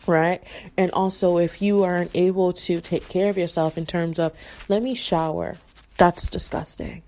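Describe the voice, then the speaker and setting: Chatty woman with a mellow, low voice. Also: fairly even intonation, moderate pace. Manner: chatty, frequent asides and rhetorical questions. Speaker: podcast host. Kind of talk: casual monologue podcast.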